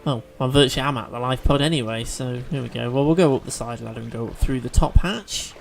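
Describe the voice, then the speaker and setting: A man's voice: medium pitch, fast talker, creaky, soft background music. A man chatting through a video game as he plays, thinking aloud with fillers and restarts. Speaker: let's play host. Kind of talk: gameplay commentary.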